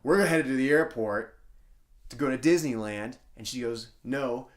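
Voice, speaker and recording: A man co-hosting a comedy podcast, improvising in excitable rants that jump loud and high when he gets worked up. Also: normal speed. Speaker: podcast co-host.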